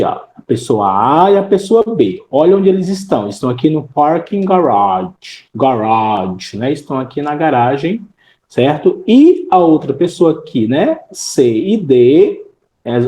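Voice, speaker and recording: A woman's voice: low-pitched, very animated, moderate pace, dark tone, roomy sound, slight background noise, rough recording. A woman teaching an English class online with a Brazilian accent, explaining in Portuguese and checking in with frequent tag questions.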